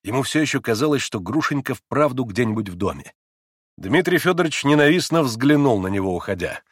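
Expressive male audiobook narrator. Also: medium pitch, a little fast, husky, no room sound, studio quality. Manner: expressive, dramatic reading. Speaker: audiobook reader. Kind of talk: scripted narration of a novel.

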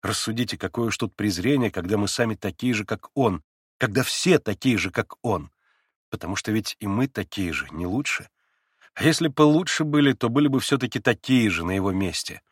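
A man reading an audiobook, voicing a sincere, gentle young man who speaks softly and thoughtfully, a little bashful. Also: on the low side, expressive, fairly quick, breathy edge, dry recording, studio quality. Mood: earnest.

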